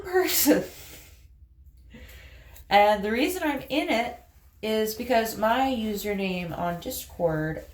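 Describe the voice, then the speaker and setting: This vlogger has a medium-pitched voice heard in a roomy space. Speaking with an Appalachian accent, she puts on her makeup and meanders through a story, laughing and using plenty of fillers.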